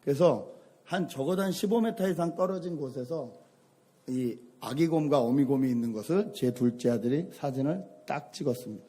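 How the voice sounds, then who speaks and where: A middle-aged man, a pastor, preaching a sermon and telling a lively personal story. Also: mid-range voice, moderate pace, husky. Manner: storytelling, animated anecdotes.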